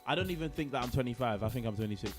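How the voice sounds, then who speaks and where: Here's a young man, talking loosely and peppering his speech with street slang. His voice sits at an ordinary middle pitch, and faint music plays softly behind him. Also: rapid-fire. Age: 20s. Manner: relaxed slang-heavy banter. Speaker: podcast co-host. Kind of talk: casual chat.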